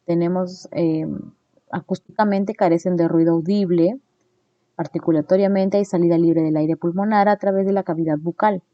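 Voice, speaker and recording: A woman teaches a phonetics lesson in a mellow, warm voice. She tags her points with quick checks to her listeners and sounds out examples slowly. The recording is dry and close, with no room sound. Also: on the low side, steady tone, no room sound, muffled recording. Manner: explains slides, checks in with "¿no?"; demonstrates sounds slowly and deliberately.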